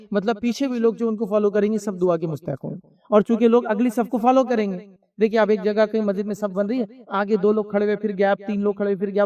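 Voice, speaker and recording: A man's voice: high-pitched, darkish tone, recorded from a distance. A man giving a conversational religious lecture, asking rhetorical questions and answering them himself. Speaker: Islamic lecturer.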